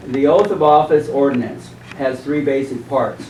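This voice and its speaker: An American man giving a formal public statement from prepared text, deliberate and occasionally stumbling over the written wording. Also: mid-range voice, darkish tone. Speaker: citizen presenter at a county commissioners meeting. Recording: roomy, distant microphone, faint background noise.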